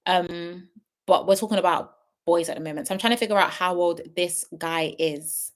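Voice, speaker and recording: A woman's voice: on the low side, moderate pace. Woman, late twenties, livestream host, casual and frank with viewers. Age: 20s. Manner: chatty, gives frank big-sister advice to viewers. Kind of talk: casual livestream chat reading viewer comments.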